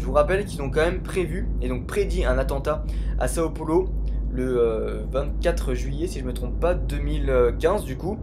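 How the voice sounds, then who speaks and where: A man's voice: on the high side, a little mellow. A young man from France giving casual, improvised gaming commentary as a YouTuber, rambling and repeating the same filler phrase. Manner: casual, rambling, keeps saying "tout simplement". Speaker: YouTuber investigating game clans.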